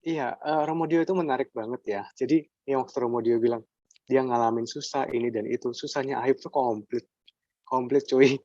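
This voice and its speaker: A man's voice: medium pitch, darkish tone, no room sound. A man hosting a casual talk show, asking a priest questions in chatty, slangy speech. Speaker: host. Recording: dry, muffled sound.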